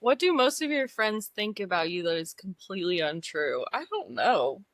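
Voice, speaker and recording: A woman's voice: medium pitch, very animated, moderate pace, no echo. A young woman co-hosting a podcast in casual chat, laughing a lot and using filler words. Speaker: podcast co-host.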